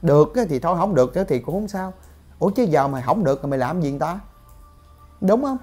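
A woman's voice: low-pitched, animated, fast talker, a little mellow, soft background music. A woman, ranting in commentary to her viewers, indignant and full of exclamations. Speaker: gossip commentator.

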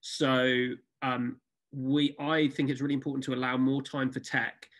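Measured man on a video call. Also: medium pitch, little pitch movement, a bit bright. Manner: thoughtful, measured with frequent ums. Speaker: theatre producer, panelist. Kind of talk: panel discussion.

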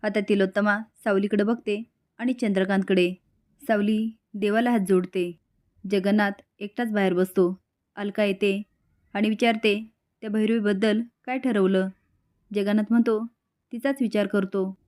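A woman tells the story of a serial episode in a steady, scripted narration. She moves scene by scene and reads out each character's lines herself in quotes. Her voice sits at an ordinary pitch for a woman. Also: moderate pace.

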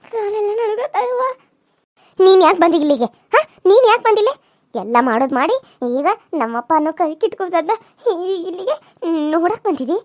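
High-pitched woman voicing a cartoon serial. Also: dry recording, studio quality. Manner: wailing, pleading and scolding in turns.

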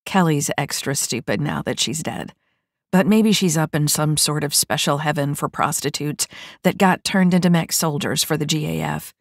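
A blunt, hard-edged female mech corporal, as a woman narrator puts her on in an audiobook story. She growls her orders in a low voice. Dry, close sound. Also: normal speed, no room sound. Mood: gruff. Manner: growling, gruff.

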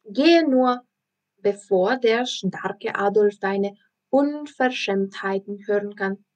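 Woman reading as a loud pompous circus ringmaster. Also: mid-range voice, slow, lightly acted. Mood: scolding. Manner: loud, announcing. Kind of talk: audiobook reading.

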